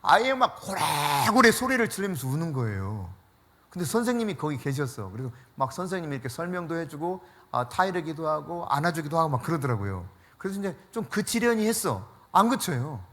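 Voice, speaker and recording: Lively, bright-voiced male preacher. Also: a little fast. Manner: animated storytelling with frequent laughter; drops to a hushed low voice for emphasis. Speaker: pastor. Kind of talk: sermon.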